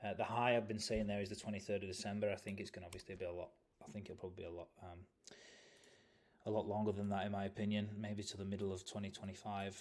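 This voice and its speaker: A man's voice: on the low side, flat delivery, fast talker, darkish tone. A man giving casual, rambling chart analysis, leaning on "obviously" and correcting himself as he goes. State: yawning, tired. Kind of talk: casual market analysis video.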